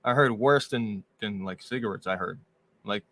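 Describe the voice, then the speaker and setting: A man's voice: fairly low pitch, moderate pace, bright, forceful tone, slight background noise. Profane, slangy casual male host. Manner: casual, profane slang, says bro a lot. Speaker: podcast host. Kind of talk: casual chat.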